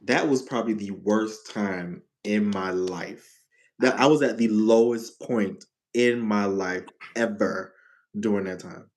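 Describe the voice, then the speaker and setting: A man in his thirties speaks in a fairly low voice. He tells his stories in an easy, relaxed way and laughs often during casual conversation. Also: unhurried. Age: 30s. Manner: relaxed storytelling, laughs easily. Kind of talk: casual chat.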